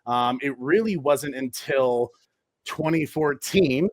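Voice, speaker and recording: A man's voice: mid-range voice, slow pace, no echo, studio quality. A man in his thirties, a podcast guest, telling stories in a rambling, easygoing way with many fillers. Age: 30s. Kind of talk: casual chat.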